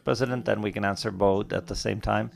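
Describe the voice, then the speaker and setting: Guy moderating a conference panel, polite but quick, low gravelly voice. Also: fairly even intonation. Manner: courteous, brisk. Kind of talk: chairing a panel.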